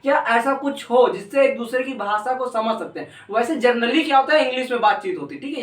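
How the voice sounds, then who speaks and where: Man, young, casual chatty teaching, distant mic, echoey room. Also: high-pitched. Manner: casual, chatty, keeps asking "ठीक है", jokey examples. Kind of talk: explaining a civics lesson.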